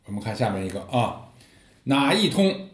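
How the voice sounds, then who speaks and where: A man gives a dharma talk on Zen stories, his voice mid-pitched and swinging up and down with lots of expression. He keeps asking his listeners rhetorical questions as he tells the tales. The sound rings in an echoey room. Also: normal speed. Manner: lively storytelling with rhetorical questions. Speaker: Buddhist teacher.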